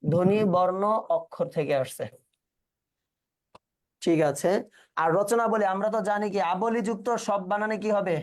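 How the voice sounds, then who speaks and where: A man's voice: sits high, normal speed, pauses often. Male tutor quizzing students. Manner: quizzes students, repeats answers back, colloquial. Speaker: teacher. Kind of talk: exam-prep class reviewing questions.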